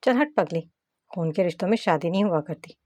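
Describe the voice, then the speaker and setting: A woman's voice: lowish voice, expressive, brisk, mellow, no echo. Woman voicing a brash teasing gangster husband. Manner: street slang, mocking banter.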